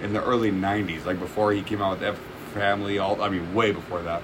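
A man's voice: low-pitched, fairly even intonation, fast, background noise. A man co-hosting a casual podcast chat, swearing freely, laughing often and retelling comedy bits. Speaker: podcast co-host.

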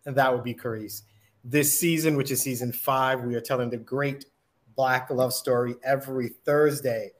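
A man speaks as a podcast panelist. His voice sits in a middle range and his delivery is casual and conversational. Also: medium pitch.

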